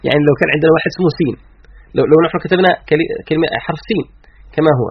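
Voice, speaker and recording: A man explaining the Quran's letters to an interviewer, emphatic, slowing to stress each letter. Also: a little high, slightly rough. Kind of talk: explanatory religious lecture. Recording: dull lo-fi radio sound.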